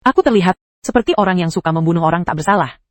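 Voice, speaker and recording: A woman's voice: on the low side, animated, very fast, no room sound. A synthetic text-to-speech female voice narrating an anime recap, reading every character's lines in the same voice.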